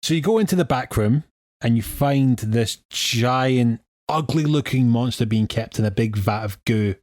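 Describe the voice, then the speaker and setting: A man's voice: medium pitch, normal speed, darkish tone, dry recording, clean studio sound. A man co-hosting a podcast, retelling a game's story in a wry, laughing way. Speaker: podcast co-host narrating the game. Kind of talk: casual chat.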